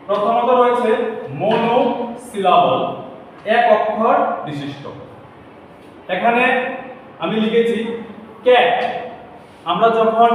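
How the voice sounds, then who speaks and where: A man tutoring a spoken English lesson who talks slowly and deliberately and spells out words letter by letter. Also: high-pitched. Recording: echoey room from far off with faint background noise.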